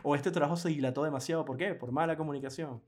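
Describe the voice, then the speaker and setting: A man co-hosting a casual podcast chat, animated and laughing often, acting out quoted clients in lively bursts. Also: fairly high pitch, fast. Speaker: podcast co-host.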